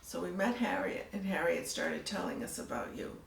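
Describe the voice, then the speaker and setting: An older woman telling her story in a casual interview, soft-spoken and trailing off into near-whispers. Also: fairly low pitch, moderate pace, creaky, a little hiss or hum. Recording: echoey room, mic at a distance, faint ambience.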